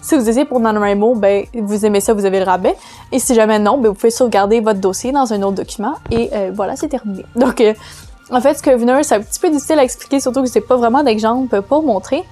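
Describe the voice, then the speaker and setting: A woman with a Quebec French accent talks through her writing tips in a relaxed vlog. Her voice sits a little high, and she explains loosely, pausing often to find her words. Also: faint music behind. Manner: chatty, explains loosely with many hesitations. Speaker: vlogger giving writing tips. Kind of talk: casual tutorial vlog.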